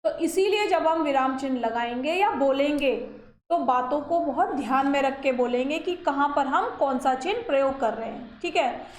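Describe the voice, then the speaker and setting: A woman's voice: sits high, a little hiss or hum. A woman teacher giving a grammar lecture, explaining step by step and checking in often with her listeners. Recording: echoey room.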